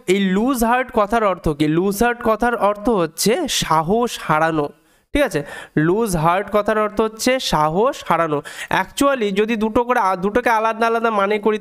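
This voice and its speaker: A male English teacher from India, patiently explaining a reading lesson, breaking words down slowly and repeating key points. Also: high voice, fairly bright tone, clear, resonant tone.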